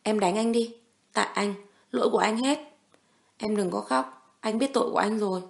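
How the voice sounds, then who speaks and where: A woman's voice: medium pitch, normal speed, creaky, lightly acted. A woman reading the lines of a protective young man who soothes his beloved firmly and threatens her attackers. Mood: tender. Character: protective young man, tender yet menacing.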